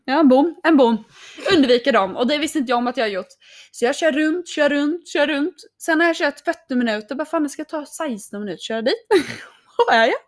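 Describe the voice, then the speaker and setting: A young woman with a high-pitched voice chats casually, telling an animated story. She laughs often and acts out what people said.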